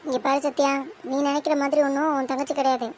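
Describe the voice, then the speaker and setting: A woman's voice: high-pitched, flat delivery, fast, slight background noise, natural voice. A woman voicing a domineering, middle-aged future mother-in-law in a cartoon soap drama, who scolds self-righteously. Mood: scolding.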